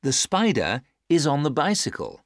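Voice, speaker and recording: A actress as a patient instructor with a very low voice and hugely varied intonation. She speaks careful, stilted textbook dialogue in a dry studio sound. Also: big pitch swings, moderate pace, dry recording. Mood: patient, instructive. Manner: careful, over-clear instructing. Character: patient adult giving simple picture instructions.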